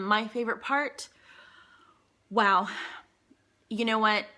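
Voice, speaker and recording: Woman, vlogger, casual rambling chat, lots of ums and asides, bright voice, mid-range pitch. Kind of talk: casual chat answering a tag video.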